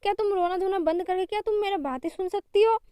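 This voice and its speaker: A woman's voice: extremely high pitch, quick pace, warm tone, no echo, clean studio sound. Scolding hot-tempered young wife, read by a woman. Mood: pleading.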